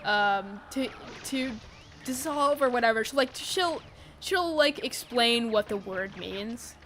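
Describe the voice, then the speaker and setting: Tired gamer girl rambling on stream, kinda high voice, lots of likes and ums, faint hum behind her. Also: expressive, slow, a bit bright. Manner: rambling, giggly, with many fillers. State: tired and yawning. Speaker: game streamer. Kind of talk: casual stream chat.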